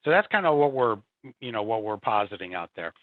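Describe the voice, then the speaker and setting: His voice is lowish and brisk, swinging widely in pitch, as this support and field services executive answers interview questions in a chatty way. He repeats words and tacks on "you know" and "right?" often, over dry, tinny remote call audio.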